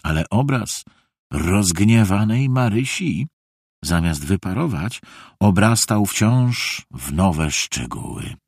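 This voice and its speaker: A man narrating a children's audiobook in an expressive, unhurried storytelling manner. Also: low-pitched, slightly rough, no room sound, studio quality.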